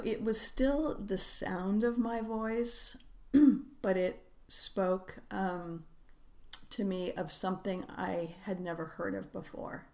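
A middle-aged woman, a writer who is a guest on a podcast, talking reflectively in an unhurried, musing way with frequent hesitations. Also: fairly low pitch, vocal fry. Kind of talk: reflective conversational interview.

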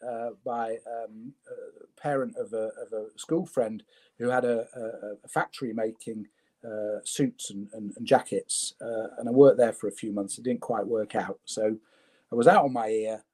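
A man's voice: mid-range voice, mellow. A man from Leeds, a guest entrepreneur, telling his career story in a wry, self-deprecating way with stammering repeats. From Leeds, England. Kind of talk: conversational storytelling.

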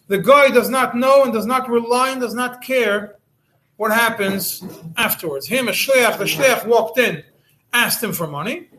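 High-voiced rabbi teaching a halacha class. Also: male voice, a bit bright, poor audio. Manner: explains step by step, with many restarts and Hebrew and Yiddish terms. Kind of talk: recorded Torah lesson.

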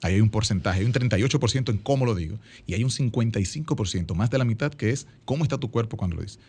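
A man's voice: lowish voice, lively intonation, very fast, a little mellow, husky. A man talking as a guest in a radio studio, explaining things and acting out quoted lines in other voices. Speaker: guest speaking coach.

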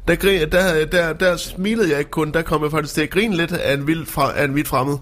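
Man telling a lively story on radio. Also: on the high side. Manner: lively storytelling, laughs often. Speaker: radio host. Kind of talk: casual radio chat.

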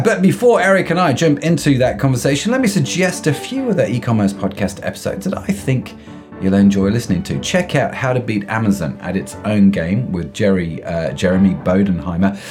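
A male podcast host speaks in a croaky, froggy voice that sits fairly low. He presents in an informal, enthusiastic, chatty way, with music playing behind him. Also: darkish tone. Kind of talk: podcast introduction, chatty semi-scripted presenting.

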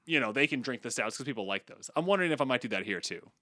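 Animated man with a lively voice. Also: medium pitch, very fast, no echo, clean studio sound. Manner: animated storyteller, playful. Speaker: podcast co-host. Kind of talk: casual podcast banter.

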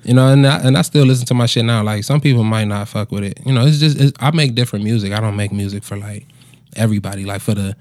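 A man's voice: fairly low pitch, fairly even intonation, quick pace, a little mellow, dry recording. A man in his twenties, a musician chatting casually in a laid-back, slangy bro manner with plenty of swearing. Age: 20s. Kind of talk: casual conversational storytelling.

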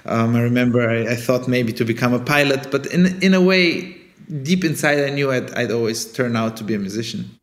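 A man's voice: mid-range voice, expressive, brisk. A man from Bulgaria whose first languages are Bulgarian and Italian, a conductor and startup founder, answering in a podcast interview in a thoughtful way, often restarting his words.

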